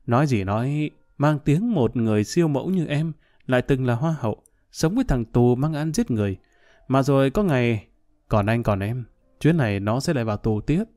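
Guy playing a smug sly schemer, smooth talker, brushing it all off, mellow tone. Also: mid-range voice, close to an everyday voice. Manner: dismissive, smooth-talking. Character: sly, smug middle-aged man, a scheming lover.

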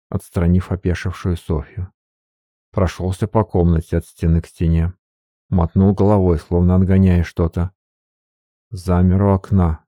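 A man narrating an audiobook in measured storytelling. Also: low-pitched, dark tone, dry recording, clean studio sound. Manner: measured storytelling, also reading the characters' lines. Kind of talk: scripted narration.

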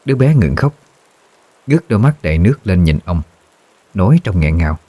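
Deep-voiced man narrating a horror story. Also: sing-song, mellow, breathy edge. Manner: measured, somber storytelling.

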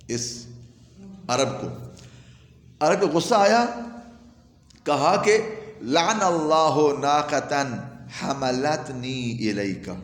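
A man teaches Arabic grammar in lecture style, weaving in a story as he recites Arabic phrases and explains each one. His slightly high voice rises and falls with lively swings. The sound carries a long, roomy reverb, as if recorded in a large hall. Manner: animated storyteller who recites Arabic phrases and then glosses them. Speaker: religious teacher.

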